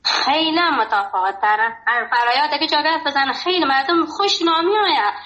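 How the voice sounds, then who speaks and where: A woman's voice: sits high, sharp tone. A woman from Farah province in Afghanistan with a Farahi Dari accent, calling in to a show and chatting playfully, laughing often. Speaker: caller. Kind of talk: phone call-in chat. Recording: dull phone line.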